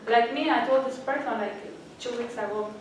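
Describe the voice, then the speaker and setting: Speaking at a fairly high pitch and normal speed, a woman gives an inspirational talk to other students in a library event room. She has a non-native English accent and speaks to the audience directly, in an earnest and encouraging way. The sound is very echoey and distant, with slight background noise.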